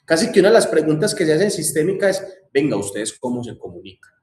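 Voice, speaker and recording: A man's voice: fairly high pitch, big pitch swings, quick pace, a little mellow, roomy sound. A man teaching a class in a conversational way, repeating points and asking rhetorical questions. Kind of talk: classroom lecture.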